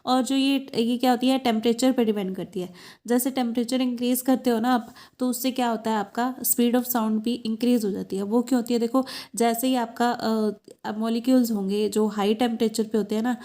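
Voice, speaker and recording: Woman teacher, higher pitch with a warm, mellow tone, lecturing step by step. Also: steady tone. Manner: explains step by step, asks herself questions, reads English definitions slowly. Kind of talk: classroom lecture.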